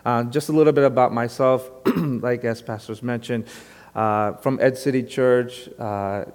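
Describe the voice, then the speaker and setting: A man in his thirties from Brooklyn preaches in a relaxed, conversational way, with plenty of fillers and a self-deprecating touch. His mid-range voice sits right in the middle for a man. The sound carries a long reverb, like a church sanctuary. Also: mid-range voice, measured pace. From Brooklyn, New York. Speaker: guest pastor. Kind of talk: sermon.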